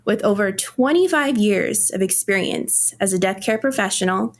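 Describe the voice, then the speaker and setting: A woman co-hosting a podcast, reading a guest introduction in a steady, scripted way. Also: medium pitch. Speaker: podcast co-host.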